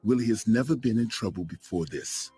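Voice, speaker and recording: A man narrating a true story in a scripted, dramatic storytelling style, slowing down for emphatic pauses. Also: lowish voice, lively intonation, warm tone, faint music behind.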